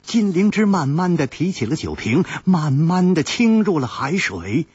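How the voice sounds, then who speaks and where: Husky slow-paced male storyteller. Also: fairly high pitch, very animated, darkish tone, no echo. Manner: slow, dramatic storytelling cadence. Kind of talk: pingshu-style audiobook narration. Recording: dull lo-fi recording, dry.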